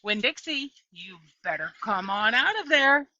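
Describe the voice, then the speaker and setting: A feisty ten-year-old girl in a storybook, acted by a woman. She is outspoken yet mannerly with grown-ups, with a bright voice that jumps around in pitch. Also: sing-song, measured pace, no room sound, muffled recording, exaggerated voice. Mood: defiant, calling out. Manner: outspoken, polite to elders.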